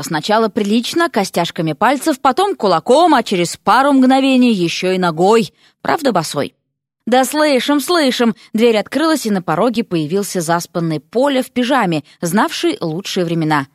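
A woman narrating a comic fantasy story with lively, expressive reading. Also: mid-range voice, no room sound, studio quality. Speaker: audiobook narrator.

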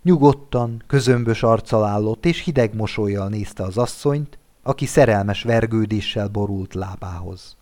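Low-voiced man reading a classic story. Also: darkish tone. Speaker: audiobook reader. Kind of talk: scripted narration.

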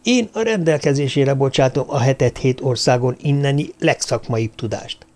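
A man voicing a composed, polite woman doctor in an audiobook, speaking in a persuasive, measured way. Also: medium pitch, a little mellow, natural voice. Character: calm, poised woman doctor. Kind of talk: audiobook character voice.

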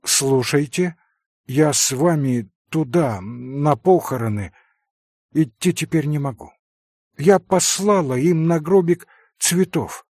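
A proud young woman, torn and self-punishing, her lines pitched up and full of sudden intense bursts, as a man reads her in an audiobook. The voice is husky and very dry, as if close to the mic. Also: expressive, slow, darkish tone, dry recording, heavily acted. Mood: weary. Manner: intense, breaking into sudden outbursts. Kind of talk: audiobook character reading.

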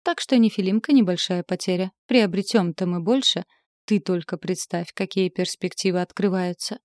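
A woman's voice: on the low side, moderate pace, darkish tone, no room sound, studio quality, natural voice. Woman playing a brash mocking old seer. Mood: gloating.

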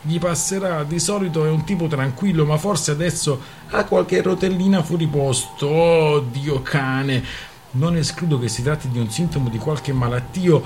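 A man voicing a sharp-tongued man who mocks others with sarcasm in a raised voice. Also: fairly high pitch, moderate pace, a little hiss or hum, voice pushed up, close to an everyday voice. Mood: mocking. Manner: sarcastic, mocking. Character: mocking, sharp-tongued man, a jester at a party.

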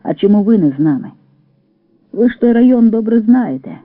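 A brisk senior fighter with a cheerful, slightly dismissive way of talking, as a male reader voices him. His voice is a touch high and dry. It comes through a narrow, phone-like radio sound. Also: lively intonation, no room sound. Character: brisk senior partisan man, Pozaluzhny. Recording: tinny lo-fi radio recording.

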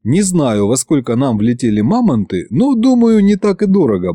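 A man narrates an audiobook in a chatty, lively storytelling manner. His pitch rises and falls freely and his tone is dark and mellow. The sound is dry and close. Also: dry recording.

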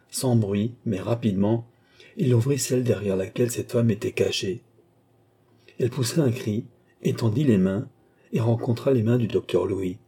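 Male audiobook narrator, very dark and husky tone, measured reading. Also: lowish voice. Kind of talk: scripted narration.

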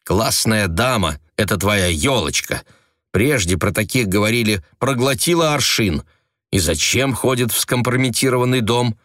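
A man doing a shrill, hysterical young woman. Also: lively intonation, normal speed, a bit bright, no echo, clean studio sound. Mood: agitated. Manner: shrieking, frantic.

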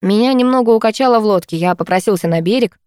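A woman's voice: fast, darkish tone, clean tone, no echo, studio quality, natural voice. A woman voicing a drunk, leering young man. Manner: slurred, low, coaxing.

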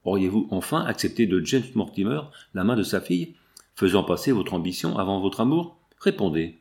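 A man voicing a young fiancé, earnest and anguished, in a low voice. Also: animated, a little fast, darkish tone. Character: young fiancé, torn and indignant, proud.

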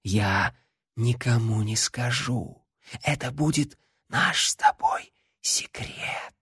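A man voicing a living female shadow spirit in an audiobook, whispering slowly and coaxingly. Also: medium pitch, fairly bright tone, no echo, studio quality, full character voice. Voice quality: whispered, breathy. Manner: slow, coaxing and intimate.

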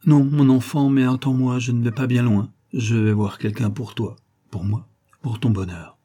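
A man's voice: mid-range voice, steady tone, normal speed, mellow, natural voice. A man voicing a fervent noble mother. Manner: fervent and insistent. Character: determined aristocratic mother, a marquise.

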